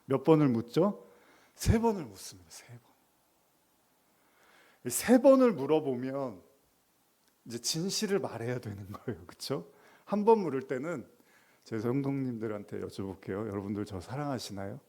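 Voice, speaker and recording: A middle-aged man preaching to his congregation in a relaxed, conversational way. He slips into short acted-out exchanges and laughs along with his own stories. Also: mid-range voice, moderate pace, long pauses. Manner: conversational preaching, acting out dialogue, laughing often. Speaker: pastor. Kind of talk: sermon.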